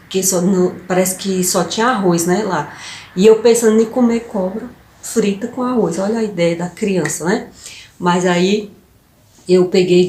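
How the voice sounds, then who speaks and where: Female vlogger, lively storyteller who talks straight to viewers, in a roomy space. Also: mid-range voice, slight background noise. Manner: animated, addresses viewers as "gente", acts out quoted voices. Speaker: vlogger telling her life story.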